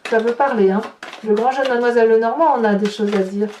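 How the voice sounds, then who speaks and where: Fast and dark-toned, with a voice on the high side, this tarot reader and horoscope host reads cards for viewers on the fly. She talks conversationally, commenting as she turns each card and sprinkling in small interjections. The mic is distant in an echoey room with faint noise.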